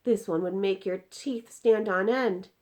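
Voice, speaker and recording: Woman putting on a loud, distressed storybook giant. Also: medium pitch, voice pushed up, lightly acted. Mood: exasperated, dramatic. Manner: exclaiming, emphatic, drawn-out words. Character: distressed, indignant giant with quirky mangled grammar.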